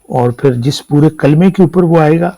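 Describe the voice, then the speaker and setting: A man's voice: a little high, mellow, no echo, rough recording. A man with a Pakistani Urdu accent teaching an Arabic lesson, explaining patiently and asking and answering his own questions. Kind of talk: classroom lecture explaining script.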